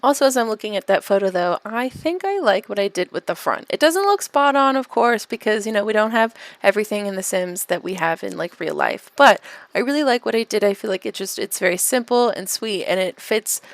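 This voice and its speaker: A woman's voice: medium pitch, animated, brisk, no echo. A woman talking casually over her game build as a YouTube vlogger, chatty with lots of fillers and restarts, and a dry, self-mocking humor. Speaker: gaming YouTuber.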